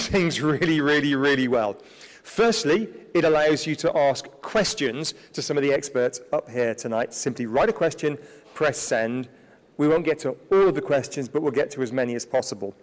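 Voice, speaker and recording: A man moderating a live event, chatty and upbeat, guiding the audience through voting and joking with them. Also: medium pitch. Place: large event hall. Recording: long hall reverb.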